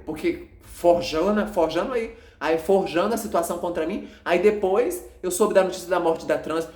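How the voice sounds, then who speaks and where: A man with a Brazilian accent who runs an evangelical channel, recounting a dream to his followers in an agitated, halting, repetitive way. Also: fairly high pitch, reverberant. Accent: Brazilian Portuguese.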